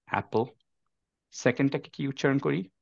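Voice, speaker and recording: A man's voice: mid-range voice, moderate pace, gravelly, no echo. A man teaching a class on the Quran. He explains step by step, mixes English phrases into his sentences and keeps checking that the class is following. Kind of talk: classroom lecture. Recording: dry, slightly dull lo-fi sound.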